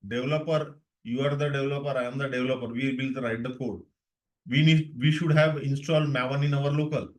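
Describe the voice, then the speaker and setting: A young DevOps instructor with an Indian English accent runs a live online tech class, repeating points and frequently checking that students are keeping up. His mid-range voice is steady and brisk, though the audio quality is poor.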